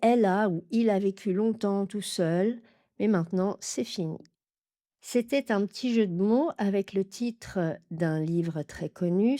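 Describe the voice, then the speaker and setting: A woman teaching French pronunciation, saying model sentences slowly and carefully, from the south of France. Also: mid-range voice, warm tone.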